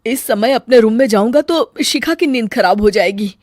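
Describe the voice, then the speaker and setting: A woman's voice: on the high side, moderate pace, a little mellow, dry recording, studio quality, close to an everyday voice. A woman voicing a bewildered young adult son in a cartoon, yelping and complaining. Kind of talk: cartoon dubbing.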